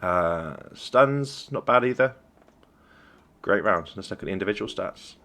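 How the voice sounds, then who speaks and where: A man's voice: fairly low pitch, animated, measured pace, a bit bright. A young man coaching a team while reviewing a game replay, encouraging and conversational. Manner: encouraging, conversational, praises plays. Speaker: esports coach.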